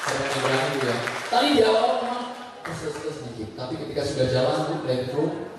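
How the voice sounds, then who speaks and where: A man coaching a public speaking workshop with lively, joking energy, drilling vowels with the audience. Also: medium pitch, fast. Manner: energetic, animated, jokey, drills vowels with the group. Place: large meeting hall with an audience. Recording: echoey hall, distant mic, crowd noise.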